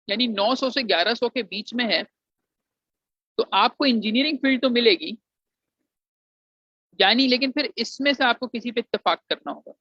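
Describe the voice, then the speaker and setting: A very high male voice comes through dry, muffled audio with no echo. The speaker, from Pakistan, is an engineering alumnus giving an informal explanatory lecture on admissions, blending English phrases into Urdu and addressing students as "beta".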